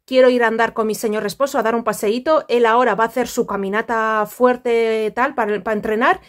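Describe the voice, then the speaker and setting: A woman's voice: fairly high pitch, steady tone, a little fast. A middle-aged woman from the Country, chatting casually to camera outdoors by a pool, affectionate and full of fillers. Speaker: vlogger.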